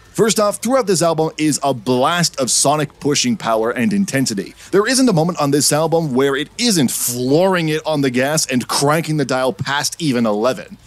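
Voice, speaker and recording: Animated male metal podcast host. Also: no echo. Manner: animated, jokey, profane, swings pitch up for emphasis. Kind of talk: energetic podcast monologue and album reviews.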